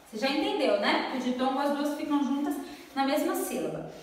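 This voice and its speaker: A woman with a high voice and a Brazilian Portuguese accent teaches at the board, patient and friendly, drawing words out slowly when she spells them. She is picked up from a distance in a strongly echoing room. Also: lively intonation. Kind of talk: classroom lesson at a whiteboard. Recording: echoey room, voice from far off.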